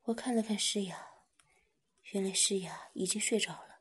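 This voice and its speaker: A woman narrating a story in a soft, hushed whisper. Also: mid-range voice, normal speed, breathy edge.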